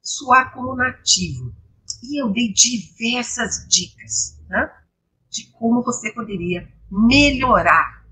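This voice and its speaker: Slow, lively Brazilian teacher, breathy tone. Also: female voice, fairly high pitch, rough recording. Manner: explains patiently, asks the class rhetorical questions. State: slightly hoarse, coughing. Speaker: English teacher. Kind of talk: online English lesson with Bible reflection. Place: home, live stream.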